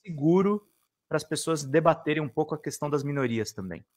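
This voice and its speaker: Brazilian male host in his thirties, slightly high voice, lively, restarts often, studio mic at home. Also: a little fast. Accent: Brazilian Portuguese. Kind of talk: news show interview. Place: home office with bookshelves. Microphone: studio mic on arm, video call.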